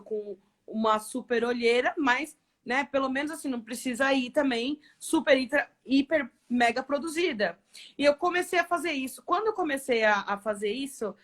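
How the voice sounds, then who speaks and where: A woman executive as a guest in a live interview, telling stories in a lively way with frequent tag questions. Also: fairly high pitch. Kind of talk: casual live interview chat.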